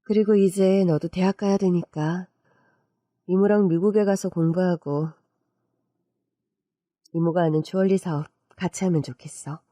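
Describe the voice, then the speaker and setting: A woman's voice: on the low side, steady tone, moderate pace, long pauses, warm tone, no echo, studio quality, natural voice. A woman voicing a fierce, protective middle-aged aunt who speaks in a cutting, scornful way, in a radio-style story reading. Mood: gentle.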